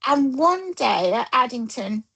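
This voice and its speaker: A woman's voice: high-pitched, measured pace, gravelly, slightly rough, poor audio. A middle-aged woman, a dressage coach, telling stories in an interview and acting out the dialogue as she goes. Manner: animated, acts out quoted dialogue. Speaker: dressage rider and coach, guest. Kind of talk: casual storytelling interview.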